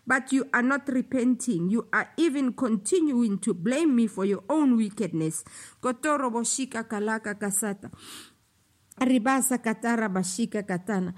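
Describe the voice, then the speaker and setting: A woman delivering a slow, solemn prophetic utterance, with passages of speaking in tongues between declamatory lines. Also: a little high. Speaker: prophetic preacher.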